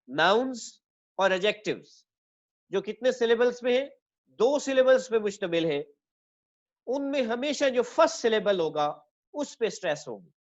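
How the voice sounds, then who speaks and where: A male English teacher explaining word stress, saying each example word again and again, slowly drawing out the stressed syllables, and calling his listeners children. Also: high-pitched, muffled recording. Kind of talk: classroom-style lesson.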